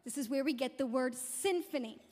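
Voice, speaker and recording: A woman's voice: high-pitched, fairly quick, a little mellow, big-room sound. A woman pastor preaching a sermon in a church, stressing key words by repeating them. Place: church sanctuary.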